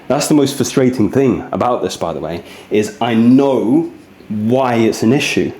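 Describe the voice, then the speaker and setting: A man with an unhurried, medium-pitched, somewhat dark voice demonstrates rehab exercises while talking casually and earnestly, confiding in viewers like a conversational fitness vlogger. The audio is echoey and roomy.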